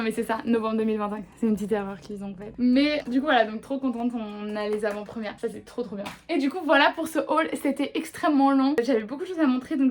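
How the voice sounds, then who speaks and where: A woman's voice: a little high, darkish tone. Enthusiastic young woman vlogger. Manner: enthusiastic, gushing, self-correcting with fillers. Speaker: vlogger showing a manga haul. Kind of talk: casual chatty haul vlog.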